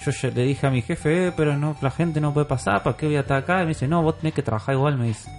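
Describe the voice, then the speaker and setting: A man with an Argentine Spanish accent playing a worried, gossipy local tour-guide worker in a tabletop role-play, chatty and sometimes confiding in a low voice. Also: fast talker, faint music behind, lightly acted. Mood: weary.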